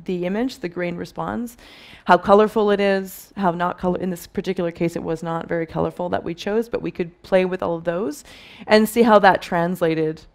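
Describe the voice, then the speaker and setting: A woman in her thirties with a somewhat low voice presents on a dim stage. She speaks thoughtfully, with many fillers and restarts, and gestures with her hands as she explains her work as a colourist. The sound comes from a lapel mic. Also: steady tone, normal speed. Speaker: film colourist. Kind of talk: conference presentation. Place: dim stage with dark backdrop.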